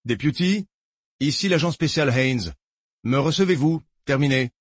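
A man's voice: mid-range voice, animated, unhurried, no echo, studio quality, pitched above the performer's own voice. A man voicing a curt, commanding male federal agent giving clipped orders over the radio.

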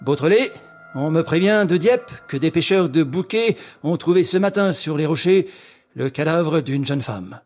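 A man's voice: fairly high pitch, expressive, normal speed, a little mellow, faint music behind, voice pushed up. Man doing a pompous old magistrate. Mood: pleased. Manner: pompous, emphatic, self-assured. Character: pompous older male examining magistrate, self-satisfied.

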